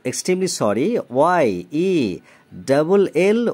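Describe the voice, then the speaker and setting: A man with a fairly high, darkish voice speaks slowly and expressively while tutoring a child in a recorded homework session. Letter-by-letter spelling and word meanings are punctuated by his frequent questions about whether the child understands.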